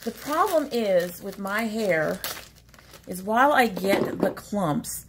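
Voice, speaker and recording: This beauty vlogger, a woman in her forties, rambles chattily through an unboxing and keeps cutting herself off mid-sentence. Allergies leave her a little sniffly. Her mid-range voice is slow with lively intonation, captured by a desk webcam in a small room at home with background noise.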